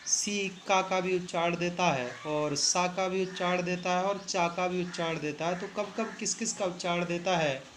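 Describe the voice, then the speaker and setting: A man's voice: high-pitched, fairly even intonation, moderate pace, hardly any pauses, fairly bright tone, a little hiss or hum. Patient man teaching, quizzing himself. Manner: asks questions and answers them himself; repeats key points patiently. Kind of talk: online phonics lesson.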